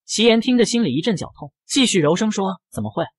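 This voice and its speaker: A man narrating a romance comic story in a quick, lively storytelling manner. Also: high voice, no echo, studio quality.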